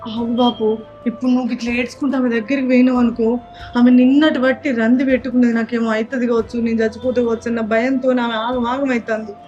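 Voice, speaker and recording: A woman's voice: a little high, steady tone, very fast, darkish tone, lo-fi sound, faint music behind, close to an everyday voice. An actress playing a worried daughter-in-law with a Telangana Telugu accent, urging her relatives to stay brave. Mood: anxious. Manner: urgent, pleading. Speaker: actor in a family drama.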